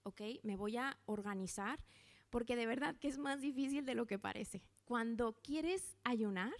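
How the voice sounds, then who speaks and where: A woman delivers a sermon, her voice sitting a bit high. She speaks in an animated, conversational way and acts out the little quoted voices. She sounds to be in her thirties. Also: unhurried. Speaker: preacher.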